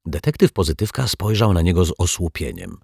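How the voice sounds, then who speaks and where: A man narrating a children's story in a lively, expressive reading. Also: deep voice, fairly quick, gravelly, slightly rough, no room sound, studio quality.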